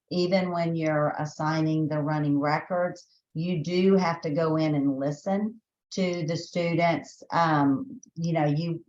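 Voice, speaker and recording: This teacher training webinar is led by a Texas woman whose Southern-accented voice sits low against reverberant, dull audio. Chatty and thinking on her feet, she keeps restarting her sentences and leans on fillers.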